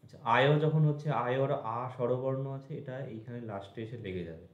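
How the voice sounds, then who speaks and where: A man's voice: mid-range voice, echoey room, muffled recording. A man teaching a language lesson with a Bengali accent, patiently breaking words into syllables and repeating endings. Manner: slow, patient, spells out word endings syllable by syllable.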